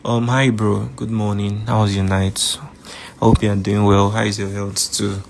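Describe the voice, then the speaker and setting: A man with a Nigerian accent recording a voice message to a friend, calmly recounting a grievance. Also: lowish voice, gravelly, a little hiss or hum. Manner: calm, measured account of a grievance. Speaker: podcast host.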